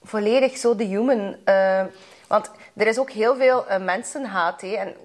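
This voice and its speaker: A woman's voice: medium pitch, moderate pace. A woman with a Flemish accent hosting a podcast in casual chat, chatty and slipping English phrases into her talk. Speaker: podcast host.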